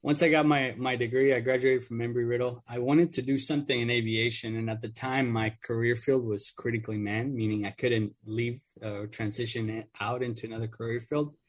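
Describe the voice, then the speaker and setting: Male guest, Mexico-born vet, earnest and filler-heavy, average pitch. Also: steady tone, fairly quick, few pauses. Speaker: guest, Air Force veteran. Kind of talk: casual radio interview.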